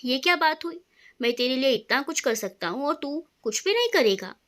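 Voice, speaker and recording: A woman's voice: high-pitched, lively intonation, moderate pace, a bit bright. A woman voicing a playful, affectionate young man who teases his wife, in a storybook reading. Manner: teasing, affectionate. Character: playful young man, teasing loving husband.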